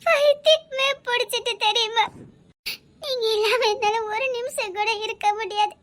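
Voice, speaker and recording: An actress gives voice to a devoted young wife from the Tirunelveli area, weeping and pleading at her husband's side. Her voice sits very high and rings bright. Sobs and shaky half-laughs keep running through her words. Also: normal speed. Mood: tearful. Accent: Tirunelveli Tamil.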